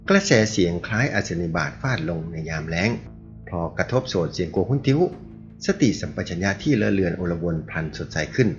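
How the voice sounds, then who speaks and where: A deep-voiced man reads a martial arts novel aloud with a steady storytelling delivery. The recording is dull and lo-fi, and faint music runs underneath.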